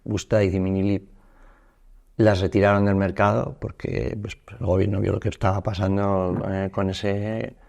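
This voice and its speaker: A man in his fifties from Spain, a podcast guest telling his life story, speaking haltingly and often restarting his sentences. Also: low-pitched, little pitch movement, gravelly, a little mellow. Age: 50s. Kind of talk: personal storytelling interview.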